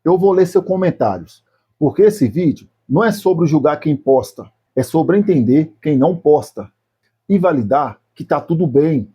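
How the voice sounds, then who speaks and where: A man with a Brazilian Portuguese accent, his voice somewhat high for a man yet mellow and a little husky. He talks straight to the viewer in a reflective video essay, slow and deliberate, laying out short phrases one at a time. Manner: speaks slowly and deliberately, addressing the viewer directly in short phrases. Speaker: YouTube channel host.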